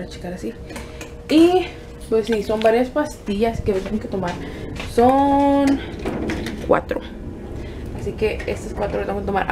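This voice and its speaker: A woman's voice: medium pitch, noisy background. A young woman, a new mother, chatting casually in her daily home vlog, rambling with fillers and restarts.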